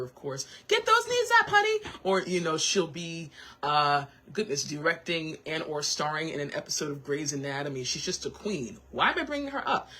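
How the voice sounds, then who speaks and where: A woman hosting a radio show, chatting in an animated, sassy way. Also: husky. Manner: animated, sassy, swoops into high excited squeals. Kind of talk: casual talk radio chat. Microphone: studio microphone.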